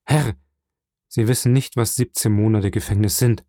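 A man's voice: lowish voice, steady tone, moderate pace, mellow, no echo, clean studio sound, close to an everyday voice. A man voicing a young sailor held in prison, pleading with passion for a trial in an audiobook reading. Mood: desperate pleading. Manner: impassioned, imploring.

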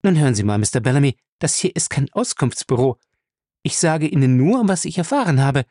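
A man reading a novel aloud, voicing a firm, quick-witted young woman in a raised voice. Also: very deep voice, big pitch swings, warm tone, no echo, studio quality, pitched above the performer's own voice, heavily acted. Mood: sharp, firm.

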